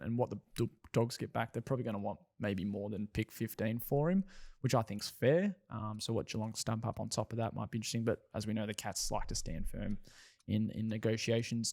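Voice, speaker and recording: A man co-hosting a sports news show, talking fast against a timer with frequent restarts. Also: on the low side, creaky, a little mellow. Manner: rapid, rushing against a timer, many restarts. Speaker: co-host, AFL news presenter. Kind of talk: fast-paced sports chat.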